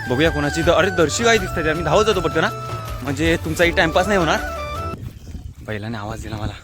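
A young man from the Konkan, chatting to viewers as he walks through the countryside with his phone camera. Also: mid-range voice. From Konkan, India. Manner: chatty, mixes English words, talks to viewers directly. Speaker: vlogger. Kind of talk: casual walking vlog narration. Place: outdoors in forest and fields.

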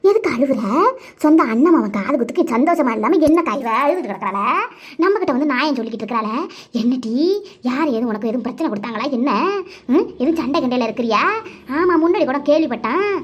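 A woman's voice: high-pitched, animated, husky. Woman voicing a sarcastic gossiping village aunt. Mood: prying. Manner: nagging, sarcastic, drawn-out complaints. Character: sharp-tongued gossiping middle-aged village aunt. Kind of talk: cartoon voice acting. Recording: dull lo-fi recording.

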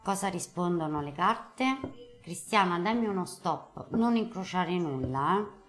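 A woman's voice: on the low side, lively intonation, unhurried, a bit bright, faint music behind. A middle-aged woman hosting a live call-in card reading, emphatic and affectionate, using endearments. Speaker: host, tarot card reader. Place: TV studio. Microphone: lapel mic.

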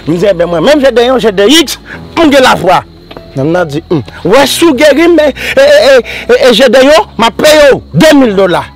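An actor playing a boastful man who claims to work miracles for pay, talking in an excited, insistent way. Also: extremely high pitch, normal speed, faint music behind, heavily acted. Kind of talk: amateur drama acting.

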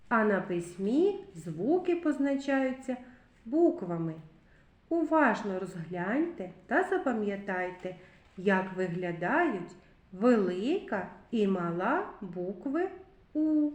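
A woman teacher giving a slow literacy lesson to young children, carefully sounding out each word. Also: on the high side, roomy sound. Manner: slow, clearly sounding out words. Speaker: kindergarten teacher.

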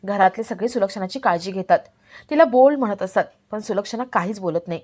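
A woman narrating a television serial episode recap in a steady storytelling manner. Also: medium pitch, a little fast.

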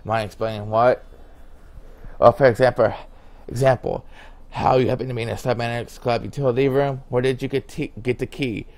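A man's voice: medium pitch, fairly even intonation, brisk, a little mellow, close to an everyday voice. A man voicing a stern, sarcastic female camp leader while reading a visual novel aloud, putting hard questions to the campers.

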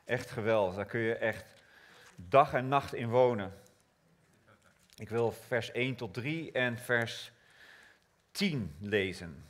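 A man preaching a sermon, slow and prayerful, rising to loud emphatic scripture reading. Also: medium pitch, lively intonation.

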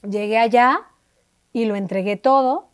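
A Mexican woman, an interview guest, telling a personal story in a lively way and acting out the voices of the people she quotes. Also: on the high side, unhurried, clear, resonant tone, no room sound. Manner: animated, acts out quoted dialogue with shifting voices. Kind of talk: conversational storytelling.

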